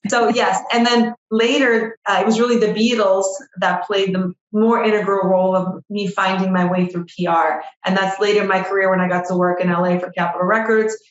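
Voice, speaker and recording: Her mid-range voice stays fairly even in intonation, brisk with few pauses, while the echoey room and dull audio color the sound. She's a Russian-born woman in her forties, Russian her native tongue, running a PR agency and telling her story as a chatty, self-deprecating guest in a casual interview.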